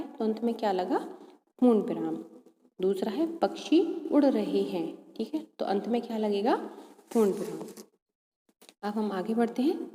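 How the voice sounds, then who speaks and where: A woman's voice: mid-range voice, dark tone. A woman teacher giving a patient grammar lesson to children, often checking they follow. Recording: echoey room with long reverb.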